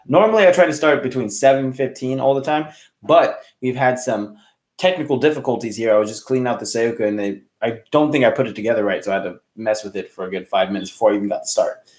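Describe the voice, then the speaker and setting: A man's voice: medium pitch, fast, a little mellow, echoey room. A man hosting a casual hookah review livestream, chatting loosely and greeting viewers by name. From California.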